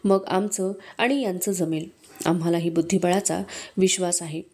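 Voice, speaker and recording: A woman's voice: lowish voice, steady tone, normal speed, darkish tone. A woman reading aloud, voicing a proud, commanding male king from a historical novel with firm, dignified speech. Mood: amused.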